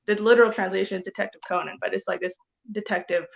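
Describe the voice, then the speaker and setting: A woman from Taiwan in her thirties chats as a guest, rambling loosely and filling her talk with "like" and "you know". Her voice sits at an ordinary middle pitch. The online call audio is dull and lo-fi. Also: fairly even intonation, fast, creaky. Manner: chatty and rambling, heavy use of "like" and "you know". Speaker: guest comic artist. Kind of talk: casual interview chat.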